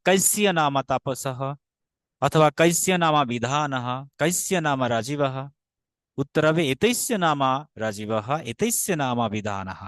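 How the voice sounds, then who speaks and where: A Sanskrit teacher with a Bangladeshi Bengali accent runs an online class, patiently repeating drills and frequently making sure his students are keeping up. His voice is a little high and a bit bright. The recording is dry.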